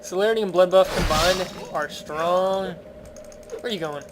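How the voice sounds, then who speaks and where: A man's voice: high-pitched, normal speed, background noise. A man giving casual let's-play commentary in a chatty, playful, wry way. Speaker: video game commentator. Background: game music.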